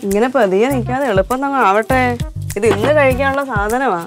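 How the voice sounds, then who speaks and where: A woman's voice: on the high side, a little fast, over music, lightly acted. A woman playing a nagging fed-up wife. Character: fed-up wife running the kitchen. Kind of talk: comedy sketch acting.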